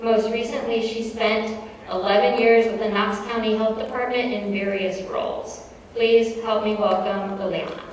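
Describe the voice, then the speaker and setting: A woman moderator giving a clear, formal introduction of a speaker in a large lecture hall. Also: medium pitch, fairly even intonation, moderate pace, noisy background. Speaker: event moderator. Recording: echoey hall from far off.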